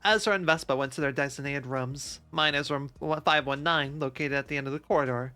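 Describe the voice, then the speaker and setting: A streamer narrating a game story live with a bright, forceful tone and mid pitch. Reads steadily, but laughs and jokes between lines. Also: brisk, faint music behind. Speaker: streamer reading and voicing a game.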